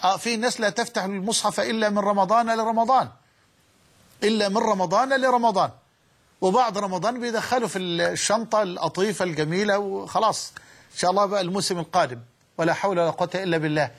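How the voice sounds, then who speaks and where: A man's voice: high voice, fast talker, a bit bright. An Egyptian man preaching a sermon, fervent and repeating phrases for emphasis.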